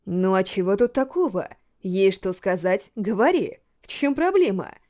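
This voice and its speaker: A woman's voice: medium pitch, very animated, moderate pace, dark tone, voice pushed down, close to an everyday voice. A woman reading aloud, voicing a blunt, self-assured teenage schoolgirl with curt replies. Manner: curt and matter-of-fact.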